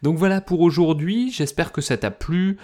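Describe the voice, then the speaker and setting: A man teaching French vocabulary to learners, slowly and patiently explaining words with lots of repetition and speaking informally to the listener. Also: fairly high pitch, a little mellow. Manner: addresses listener informally, fillers.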